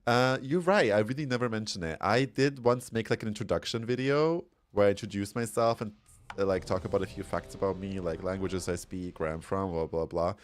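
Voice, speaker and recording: Very deep-voiced Austrian man, chatty streamer. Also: a little fast. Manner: chatty, laughs often, reads chat aloud. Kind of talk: casual livestream chat.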